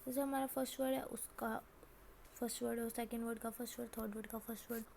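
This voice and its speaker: A woman explains a lesson in a high, mellow voice. She poses questions and answers them herself, reading each example out slowly. A faint hiss of noise sits under the recording. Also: flat delivery, vocal fry. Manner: asks and answers her own questions, reads examples slowly. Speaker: teacher. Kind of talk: classroom lesson.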